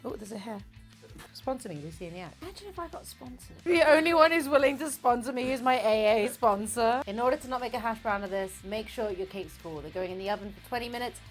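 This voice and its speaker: With faint music in the background, a slightly high-voiced woman talks quickly as the host of a comedic baking video. She's tipsy and giggly, rambling casually, swearing, poking fun at herself, and being playfully crude.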